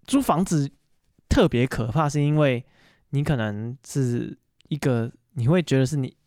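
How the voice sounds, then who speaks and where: A man's voice: mid-range voice, measured pace, no room sound, studio quality. Chatty man telling stories. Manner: chatty, animated retelling full of fillers. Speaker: podcast host. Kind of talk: casual solo storytelling monologue.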